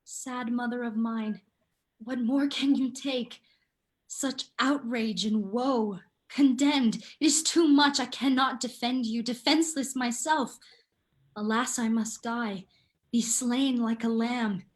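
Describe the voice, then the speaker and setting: An actress playing a young princess daughter, speaking in a gentle, mournful way. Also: female voice, on the high side, fairly even intonation, slow. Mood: mournful resigned. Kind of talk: stage play reading.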